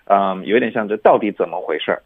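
A man teaching English pronunciation on a radio show, relaxed and repeating example phrases. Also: sits low, fast talker, husky. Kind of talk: explaining pronunciation in a radio lesson. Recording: phone-like narrow band sound.

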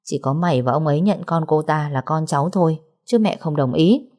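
A woman's voice: deep voice, brisk, warm tone. A woman voicing a cold, haughty older mother-in-law in a story, speaking dismissively. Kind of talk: audiobook character reading.

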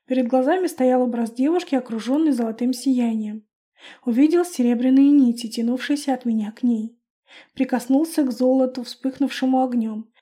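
A woman calmly narrating a first-person audiobook. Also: high-pitched, normal speed.

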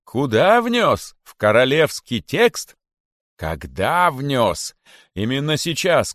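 A man's voice: medium pitch, no room sound, studio quality, pitched above the performer's own voice, close to an everyday voice. A man doing a stern, grim rabbit king. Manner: stern, sarcastic, commanding. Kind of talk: audiobook character voice.

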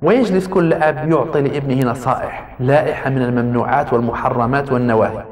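A man's voice: mid-range voice, quick pace. A man giving a lecture on raising children, speaking straight to his listeners and repeating key phrases for emphasis. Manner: addresses listeners directly with rhetorical repetition. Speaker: parenting lecturer. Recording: roomy hall with long reverb.

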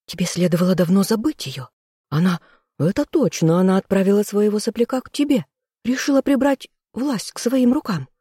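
An audiobook reader voicing a furious, spiteful noblewoman, the king's sister, who scolds in sharp outbursts. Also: slightly rough, dry recording, studio quality, close to an everyday voice. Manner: shrill, scolding, quick outbursts. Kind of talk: audiobook role reading.

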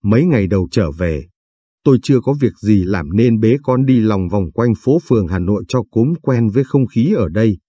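Steady male storyteller, husky and mellow tone, calm reading delivery. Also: on the low side, moderate pace, dry recording. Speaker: audiobook narrator. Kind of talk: scripted story narration.

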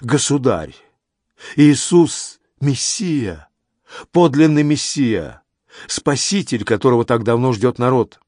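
A man's voice: medium pitch, animated, takes it slowly, darkish tone, no room sound, studio quality. A man voicing a fanatical, humble Essene preacher who pleads and insists with fervor. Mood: fervent. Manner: pleading, rising to ecstatic insistence. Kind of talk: audiobook character reading.

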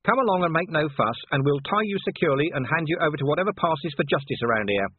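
A man's voice: fairly high pitch, lively intonation, fast, breathy edge, dry recording, pitched above the performer's own voice. A man voicing a dry, weary, tough male police commander in an audiobook reading, with a clipped sardonic delivery. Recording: tinny phone-like audio.

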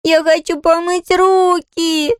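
Male reader's put-on high child voice: upset small girl in a cast, whiny, dry close sound. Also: expressive, measured pace, dry recording, full character voice. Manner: whiny, pleading. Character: small tearful girl with a broken leg.

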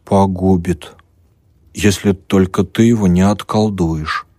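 A man reading an audiobook who voices a practical young village woman, speaking bluntly and slowly with stern insistence. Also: low voice, steady tone, a little mellow, no echo, studio quality. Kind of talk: audiobook character voice.

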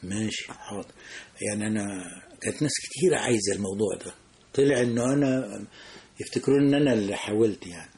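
A man's voice: lowish voice, warm tone. An Egyptian man in his sixties, a veteran news broadcaster, telling stories from his career as a guest in a radio interview. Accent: Egyptian Arabic. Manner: brisk, reminiscing storyteller.

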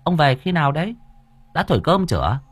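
A man's voice: a little high, big pitch swings, brisk, husky, no echo, faint music behind, voice pushed up. A man voicing a frightened elderly village wife in an audiobook horror tale, talking in a panicky, pleading way. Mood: alarmed.

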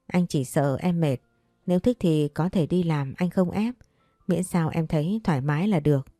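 A woman voicing a young husband who talks gently and soothingly to his wife. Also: low voice, moderate pace, dry recording, clean studio sound, faint music behind. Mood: tender.

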